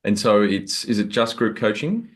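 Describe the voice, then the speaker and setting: A man with an Australian accent and a lowish, expressive voice hosts a business podcast, delivering a scripted intro at a moderate pace. He is upbeat and direct as he puts questions to his guest.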